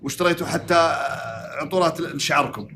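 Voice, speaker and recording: A man, a sheikh giving advice to a caller in a lively, teasing, quick way. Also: on the high side, a little hiss or hum. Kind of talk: live call-in advice.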